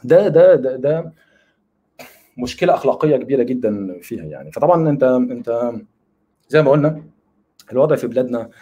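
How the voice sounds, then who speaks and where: A man's voice: medium pitch, very animated, brisk, pauses often, warm tone, slightly rough, lo-fi sound. A middle-aged man with an Egyptian accent giving a casual webinar lecture, rambling and mixing in English terms. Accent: Egyptian Arabic. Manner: rambling, mixes English terms into colloquial speech.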